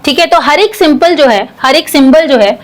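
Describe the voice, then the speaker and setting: High-voiced woman teaching science. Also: lively intonation, moderate pace. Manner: explains step by step, addresses students as beta. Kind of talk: classroom lecture.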